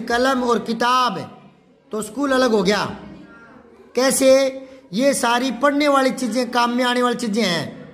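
A man's voice: extremely high pitch, a bit bright. A man teaching a children's class, patiently going through worksheet questions, asking the pupils and answering himself. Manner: spells out words syllable by syllable. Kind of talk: classroom lesson explaining a worksheet.

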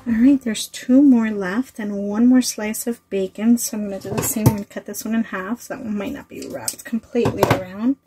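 A woman's voice: mid-range voice, steady tone, fairly quick, few pauses, music in the background, poor audio. A woman chatting casually while cooking in a small trailer kitchen, laughing often as she works. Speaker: cooking vlogger. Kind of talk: casual cooking chat to camera. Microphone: phone-plugged mic near the counter.

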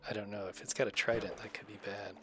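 Playing next to a child, the host of this kids' gaming video keeps up casual, cheerful, exclamatory commentary. Her voice is extremely low with little pitch movement, she talks fast, and music plays in the background.

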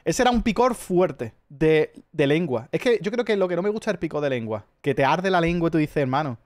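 A man's voice: on the high side, expressive, a little fast, a little mellow. A man with an accent from Spain, chatting casually as a streamer, telling rambling stories full of swearing. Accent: Spanish from Spain. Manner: profane, rambling storyteller. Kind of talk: casual chat.

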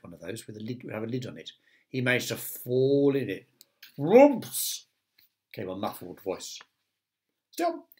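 A man who teaches primary school, reading a children's story aloud with chatty asides to the young listeners. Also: mid-range voice.

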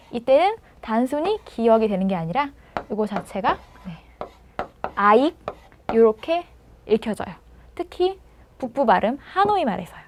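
A woman teaching pronunciation in a video lesson, patiently prompting and sounding words out slowly. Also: on the high side, darkish tone, slight background noise. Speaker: language teacher.

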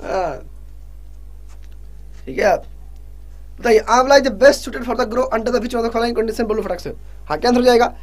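A male exam prep teacher leading a live online revision class. He keeps pushing students to answer fast and jokingly scolds them. He reads the English questions out slowly and explains them in Hindi. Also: extremely high pitch.

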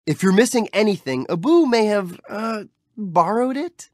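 An actor playing Aladdin in a video game, a cheerful young street thief who talks to the player in a friendly, playful, encouraging way. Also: male voice, high voice, animated, normal speed, no room sound, studio quality. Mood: upbeat. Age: young adult. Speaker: game character. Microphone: studio mic.

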